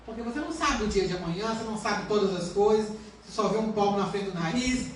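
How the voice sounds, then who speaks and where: A woman's voice: mid-range voice, fast talker, very echoey, slight background noise. A woman pastor giving an earnest sermon and asking her congregation questions, recorded from a distance in a church. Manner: earnest preaching with rhetorical questions.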